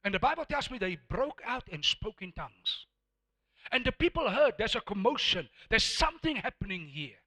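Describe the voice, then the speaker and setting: A South African man with Afrikaans as his mother tongue preaches at normal speed in a high voice that swings widely in pitch. He is emphatic, repeating words for effect and moving between quiet and loud.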